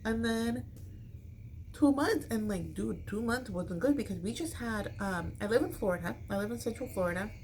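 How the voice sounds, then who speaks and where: Her voice runs on the high side, expressive and darkish, at a moderate pace. A middle-aged vlogger from Chicago in the United States, she talks casually to camera, rambling in an informal, slangy way to viewers, while noticeable background noise plays behind her.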